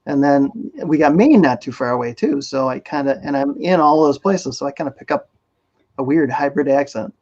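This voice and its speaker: A chatty man with a flat-A Western New York accent, laughing easily as he hosts a casual chat on a video call. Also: medium pitch, fairly quick. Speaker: podcast host. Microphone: video call microphone. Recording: dull lo-fi video call audio.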